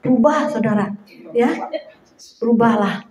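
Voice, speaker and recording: A woman preaching an informal sermon to a small house church, chatty and lively, laughing now and then and acting out little quotes. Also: fairly high pitch, normal speed, reverberant.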